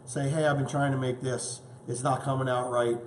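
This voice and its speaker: A man hosts a casual home cooking show, eagerly chatting and tasting his dish as he talks. His mid-range voice has a flat delivery at normal speed, and the room is echoey with slight background noise.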